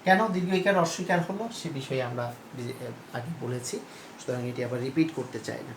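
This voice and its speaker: A man teaches a pronunciation lesson at a slow, deliberate pace. He repeats each word and keeps turning to his students with questions. His voice echoes in the room over a faint background hiss. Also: medium pitch, lively intonation.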